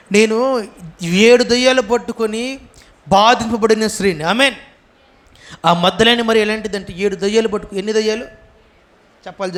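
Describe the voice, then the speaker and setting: A man pastor with a Telugu accent, preaching a sermon and calling on the congregation to answer him. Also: high-pitched. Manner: call-and-response preaching, asks the congregation to answer; acts out quoted lines with a rising, shouted voice.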